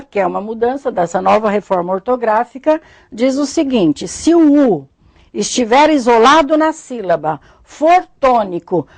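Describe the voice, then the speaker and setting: A woman with a Brazilian Portuguese accent giving a recorded grammar lesson, methodically explaining rules and spelling out example words slowly. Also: fairly high pitch, a little mellow, no echo. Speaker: Portuguese teacher.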